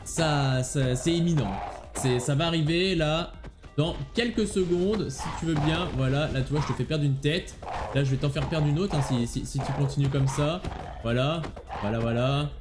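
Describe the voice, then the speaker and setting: A man's voice: fairly high pitch, moderate pace, music in the background. A man hosting a gaming video, chatting casually to viewers as he plays and playfully taunting the monsters he fights. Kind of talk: casual gameplay commentary.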